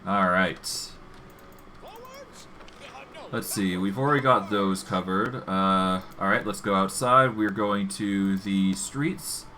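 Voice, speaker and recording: A man hosting a game stream, talking through his play and narrating on-screen text. His voice sits fairly low and he takes his time, with a very slow pace. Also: sharp tone, a little hiss or hum. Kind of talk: video game commentary and reading text aloud.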